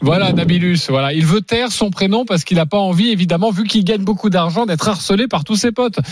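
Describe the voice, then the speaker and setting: A man's voice: sits high, fairly quick, no echo, clean studio sound. A man hosting a radio show in casual chat, talking with lots of fillers. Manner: chatty, hesitant with many fillers. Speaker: radio sports betting show host.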